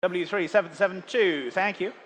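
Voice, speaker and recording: A man's voice: high-pitched, normal speed, fairly bright tone. A man working as an auctioneer, calling bids in a repetitive chant. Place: large auction sale room. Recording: long echoing hall reverb.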